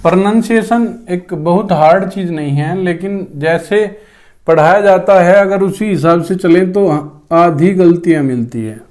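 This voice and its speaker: Slow, throat-clearing male teacher. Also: sits high, a little mellow. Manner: slow, repeats each word several times. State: sore throat. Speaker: English grammar teacher. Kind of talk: spoken lesson to students.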